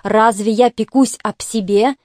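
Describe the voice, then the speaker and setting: An indignant, self-righteous nobleman husband, read by a woman in an audiobook. The tone is mellow and fairly high, recorded close and dry. He lectures and scolds as if always in the right. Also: fairly even intonation, measured pace, no echo, close to an everyday voice. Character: jealous, pompous nobleman husband, middle-aged. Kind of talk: audiobook character reading.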